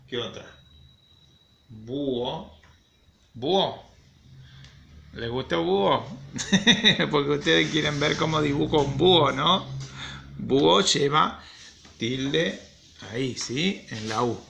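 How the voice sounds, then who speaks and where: A gravelly-voiced man leads a children's phonics lesson in a slow, patient rhythm. His way of talking is playful and encouraging. Faint room noise sits behind him. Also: on the high side, pushed and bright. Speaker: primary school teacher.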